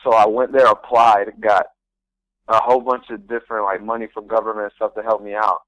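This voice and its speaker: A young man speaks in a low voice, earnest and rambling, stopping and restarting as he tells his story. He sounds close and dry, like a guest in a radio studio. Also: little pitch movement, brisk, fairly bright tone, dry recording, poor audio. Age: young adult. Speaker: guest, pro soccer rookie. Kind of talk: casual interview storytelling.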